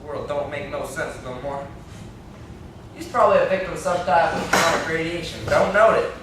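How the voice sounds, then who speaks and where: Angry and scolding, a young adult man acts the part of a blustering rural captive in an amateur play, speaking in a folksy, grumbling, threatening manner. His natural voice is a little high, at normal speed. The sound comes from a distant camera in an echoey classroom-like room, with slight noise.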